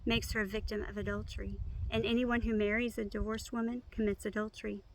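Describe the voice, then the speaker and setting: Creaky-voiced woman reciting scripture by rote. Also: medium pitch, level tone, slight background noise, rough recording. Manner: reciting by rote, in measured complete phrases.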